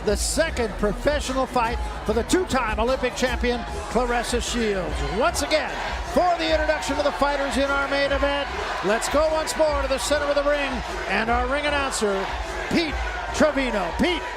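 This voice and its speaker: An American man commentates on boxing for television with an emphatic, raised delivery. His pitch is strikingly high, and very loud crowd noise and music sit behind him. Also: normal speed. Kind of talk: sports broadcast commentary.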